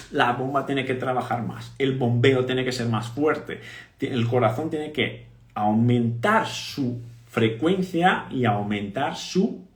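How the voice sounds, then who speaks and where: A man teaching a live online physiotherapy lesson, animated, repeating key points and quizzing his audience. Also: mid-range voice, echoey room.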